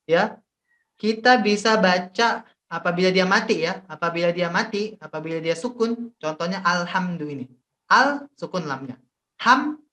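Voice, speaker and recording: Teaching tajwid online over a video call, an Indonesian recitation teacher talks in a voice that sits high with a fairly bright tone. His manner is patient and slow, full of repeated phrases and filler words.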